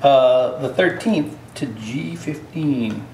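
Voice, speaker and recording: A man's voice: mid-range voice, slow, a little mellow. A man playing a board game, chatting casually and exclaiming playfully. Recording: echoey room with faint noise.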